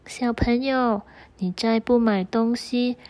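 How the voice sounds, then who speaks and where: A woman voicing a gentle, kindly shop assistant in a children's storybook. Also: fairly high pitch, steady tone, slow pace. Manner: gentle, kind.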